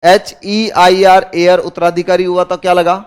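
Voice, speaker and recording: High-voiced Indian man teaching a class. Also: little pitch movement, normal speed, clear, resonant tone. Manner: explains with rhetorical questions to the class. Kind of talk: classroom lecture.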